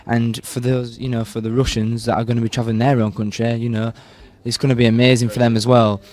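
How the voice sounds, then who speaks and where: A man's voice: mid-range voice, flat delivery, fast, darkish tone. A young man with a Yorkshire accent, chatting and laughing easily in an interview. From Yorkshire, England. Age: young adult. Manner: chatty and laughing, with frequent fillers. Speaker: university student, torch relay participant. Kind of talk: casual interview chat.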